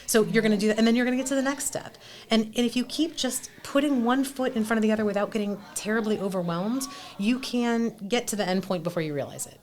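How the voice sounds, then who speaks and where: A woman in her forties, a restaurant owner guesting on a podcast, talking in an animated, candid, self-deprecating way with frequent restarts. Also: a little high, quick pace. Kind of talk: conversational interview.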